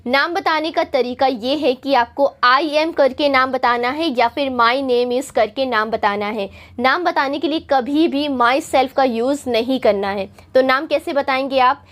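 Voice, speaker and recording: A woman from India teaching a spoken English lesson, patient and repetitive, stretching out her English example phrases slowly. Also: high voice, fairly bright tone. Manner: patient, repeats points for students.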